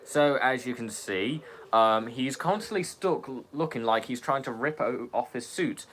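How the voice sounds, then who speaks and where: A man's voice: medium pitch, lively intonation, unhurried, a bit bright. A man co-hosting a casual show-and-tell who rambles and jokes, with frequent hesitations. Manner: rambling, jokey, hesitant fillers. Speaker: co-host presenting model props. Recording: home recording with clear background noise.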